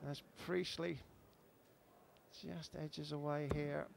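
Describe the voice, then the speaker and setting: Higher-pitched gravelly male darts commentator. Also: little pitch movement, slow pace, heavy background noise. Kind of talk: sports commentary, explanatory and chatty.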